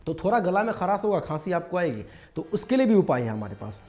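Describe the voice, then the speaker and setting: A man's voice: high voice, very animated, quick pace, darkish tone, soft background music. Chatty man teaching mimicry. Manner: chatty, explains step by step with many fillers. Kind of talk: casual tutorial talk.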